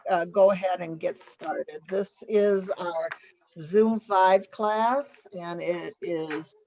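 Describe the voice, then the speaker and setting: A woman's voice: on the low side, fairly even intonation, takes it slowly, darkish tone. A woman instructor at a massage school, teaching over a video call in a conversational way with many fillers and restarts. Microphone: computer mic on a video call. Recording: dull lo-fi video call audio.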